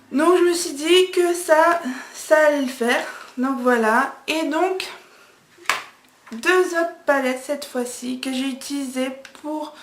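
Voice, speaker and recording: A woman's voice: sits high, roomy sound, slight background noise. A young woman reviewing makeup palettes in a casual vlog, talking hesitantly with many fillers, recorded on a camera mic in a room at home. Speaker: beauty vlogger.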